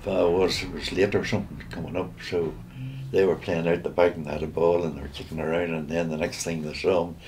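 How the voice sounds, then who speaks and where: A man's voice: deep voice, flat delivery, a little fast, darkish tone, a little hiss or hum. An older man with a Northern Irish accent, telling rambling anecdotes from memory with hesitant restarts and chuckles. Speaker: interviewee. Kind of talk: reminiscing storytelling.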